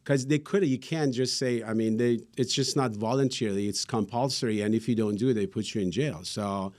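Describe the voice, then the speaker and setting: A man's voice: fairly low pitch, a little fast, a little mellow. A middle-aged man from Iran with an Iranian accent, answering interview questions earnestly and rambling with many fillers. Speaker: guest.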